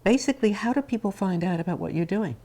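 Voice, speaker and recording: Warm, encouraging woman host. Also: mid-range voice, lively intonation, fast talker. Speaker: TV show host. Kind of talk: interview hosting. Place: studio.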